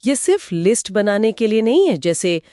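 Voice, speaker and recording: A woman with a mid-pitched voice explains with examples on a podcast, and her pitch moves a lot. She often chimes in with short agreements. The recording is dry and close. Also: very animated, moderate pace, warm tone, dry recording. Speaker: podcast co-host.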